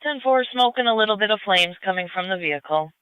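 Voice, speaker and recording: A man's voice: high voice, expressive, fast, clear, resonant tone, no room sound, narrow, tinny audio. A man acknowledging and reading back fire reports over a two-way radio.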